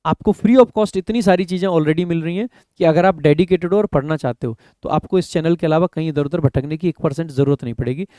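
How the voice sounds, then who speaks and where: A man teaching an exam vocabulary lesson in a slightly raised, mellow voice. He reads English definitions slowly, then explains them chattily, calling viewers "brother" and letting his voice fall at the end of points. The sound is close and dry. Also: no echo. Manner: drops pitch and volume at the ends of phrases; addresses viewers as "mere bhai". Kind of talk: Hindi-English online lesson.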